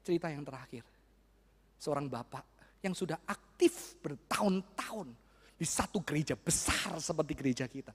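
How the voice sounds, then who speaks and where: A man preaching a sermon, telling emotional stories that swing from hushed to loud. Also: on the high side, expressive, moderate pace, breathy edge. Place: church hall. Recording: hall reverb.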